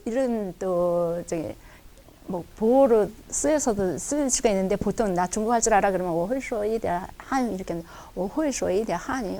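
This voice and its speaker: Woman teaching, slow drawn-out drills. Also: medium pitch, a little mellow. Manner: repeats drill sounds slowly and drawn out, then explains quickly. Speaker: Chinese language teacher. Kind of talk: online lesson, explaining and modeling pronunciation. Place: recorded for an online class video.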